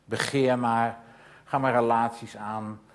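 A man's voice: mid-range voice, level tone, takes it slowly. Man preaching with insistent repetition. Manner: rhetorical questions and insistent repetition, swelling to loud emphatic passages. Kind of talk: sermon.

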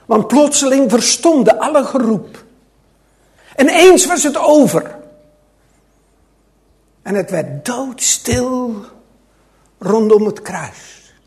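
A man preaching a sermon to his congregation, with a slow, dramatic delivery that swings between loud and hushed. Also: very high voice, animated. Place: church.

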